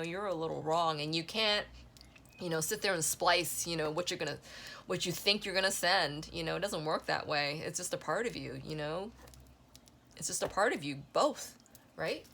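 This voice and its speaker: A woman giving a casual spoken tarot reading, rambling with many fillers and a voice that is going hoarse. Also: fairly low pitch, moderate pace, fairly bright tone. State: losing her voice. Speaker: tarot reader.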